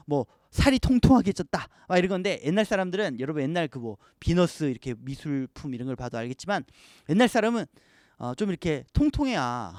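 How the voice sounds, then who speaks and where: A male pastor preaching an online youth sermon, animated, often acting out the voices he quotes. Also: high voice, no echo, studio quality.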